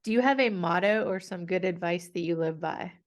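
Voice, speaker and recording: A woman in the interviewer's seat asks light, casual questions. She keeps chiming in with quick, friendly affirmations while her guest talks. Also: fairly low pitch.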